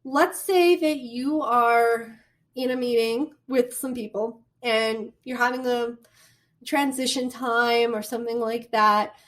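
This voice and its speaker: A woman with a Midwestern American accent giving a recorded college lecture, chatty and animated, with storytelling asides. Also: a little high. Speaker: college communication instructor.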